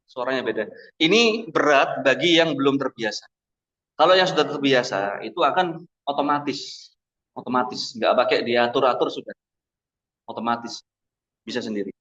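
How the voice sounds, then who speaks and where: A man teaching Quran recitation, slowly demonstrating each sound with drawn-out chanting. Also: medium pitch, lively intonation, a bit bright. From Indonesia. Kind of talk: tajwid lesson with demonstrations. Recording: dull lo-fi recording.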